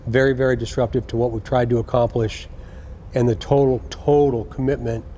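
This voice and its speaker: A man, a senior police official, gives an earnest, deliberate address to recruits, repeating key phrases for emphasis. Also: medium pitch, little pitch movement, dark tone, slight background noise.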